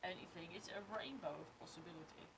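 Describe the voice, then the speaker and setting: A woman's voice: on the low side, fast talker, vocal fry. A tipsy woman playing a tabletop game, joking around and swearing casually. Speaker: player. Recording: noisy stream audio.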